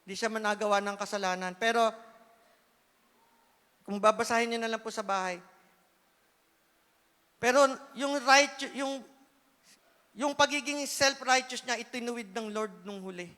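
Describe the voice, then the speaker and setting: A man giving an earnest, emotional sermon testimony, swinging between loud pleading and hushed asides. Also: very high-pitched, unhurried, pauses often, clear, resonant tone. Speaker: church speaker giving testimony. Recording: reverberant church hall.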